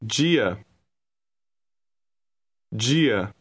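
A man's voice: on the low side, expressive, husky. A man modeling words and short phrases for a language course, saying each one carefully and repeating it. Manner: careful, slow word-by-word repetition. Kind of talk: scripted pronunciation model.

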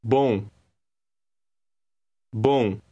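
A man's voice: lowish voice, dark tone, slightly rough, highs cut off. A man modeling words and short phrases for a language course, saying each one carefully and repeating it. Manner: careful, slow word-by-word repetition. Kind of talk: scripted pronunciation model.

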